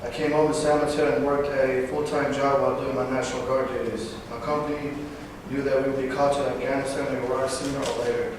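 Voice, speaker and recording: Captured from afar in an echoing hall with background noise, a veteran in his twenties reads a personal speech to a crowd. The Northern California man keeps a medium pitch and level tone, though he halts now and then with fillers and self-corrections.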